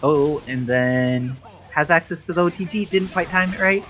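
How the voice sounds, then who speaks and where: A man's voice: on the high side, normal speed, fairly bright tone, rough recording. Analytical male esports play-by-play caster. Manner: analytical, explains game mechanics at length. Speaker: esports commentator. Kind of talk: live play-by-play commentary.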